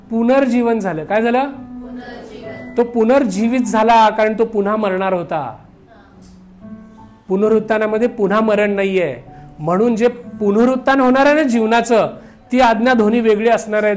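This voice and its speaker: A man preaching a sermon as pastor, with rising shouts and some English phrases mixed in. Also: high-pitched.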